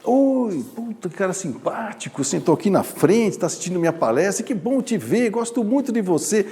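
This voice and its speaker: A man voicing a smooth-talking male hustler with a Brazilian accent, flattering and wheedling in a raised pitch. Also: normal speed. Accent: Brazilian Portuguese. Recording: echoey hall.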